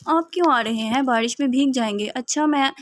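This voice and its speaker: A woman's voice: sits high, a little hiss or hum, close to an everyday voice. A woman voicing a frightened young wife who pleads timidly while shivering in the rain. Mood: pleading.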